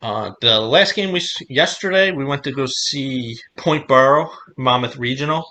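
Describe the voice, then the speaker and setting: A man co-hosting a sports podcast, talking in a relaxed, casual way with many "you know" fillers. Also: medium pitch, moderate pace. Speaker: podcast co-host.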